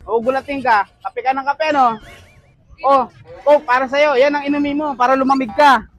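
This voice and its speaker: A playful, teasing vlogger pulling street pranks, chatting and suddenly belting out a shouted song. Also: sits high, fairly even intonation, moderate pace, highs cut off. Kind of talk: street prank vlog, casual teasing chat. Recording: loud music playing under the voice.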